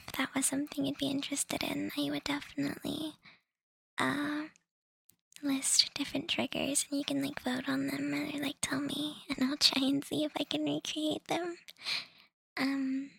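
A young woman speaks in a soft, close whisper with a heavy gravelly fry running through it. Her voice sits high but stays flat, and she talks slowly, rambling and apologizing. The sound is dry and close, with no room echo. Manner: rambling, apologetic, many ums. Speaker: audio creator updating listeners. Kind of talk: whispered casual update.

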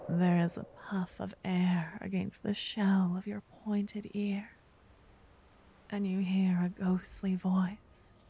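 Woman, ASMR narrator, soft whisper, husky, dark, slow. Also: mid-range voice, little pitch movement. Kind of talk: second-person ASMR story narration.

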